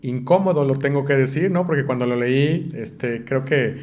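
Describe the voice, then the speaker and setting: A man's voice: mid-range voice, moderate pace, a little mellow. A man hosting a business podcast, welcoming guests formally and asking questions with frequent fillers. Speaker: podcast host.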